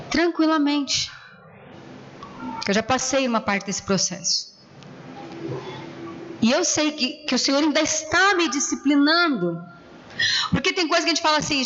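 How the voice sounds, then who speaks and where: A woman pastor preaching a sermon in church, telling personal stories in a conversational, animated way. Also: high-pitched, muffled recording, a little hiss or hum.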